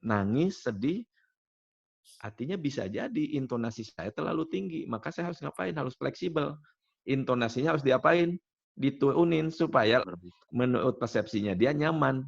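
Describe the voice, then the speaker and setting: Gravelly male workshop trainer, chatty. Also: medium pitch, animated, normal speed. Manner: chatty, personal stories, asks the group questions. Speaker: NLP trainer. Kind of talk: workshop teaching. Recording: dull lo-fi sound.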